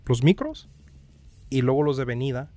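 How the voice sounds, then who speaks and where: A man's voice: medium pitch, lively intonation, normal speed, mellow, no echo. A young man from Guanajuato with a Mexican accent, telling a story in casual chat, full of crude slang and acted-out quotes. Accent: Mexican Spanish, Guanajuato. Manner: crude slang-heavy storytelling, acting out other people's lines.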